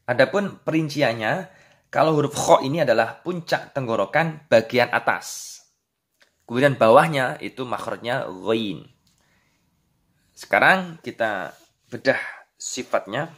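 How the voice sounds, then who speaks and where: Man, Indonesian accent, Quran reading teacher, slow, mid pitch, syllable drills. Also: expressive, fairly bright tone. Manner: patient, explains then drills syllables aloud. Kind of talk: slow instructional lesson with drills.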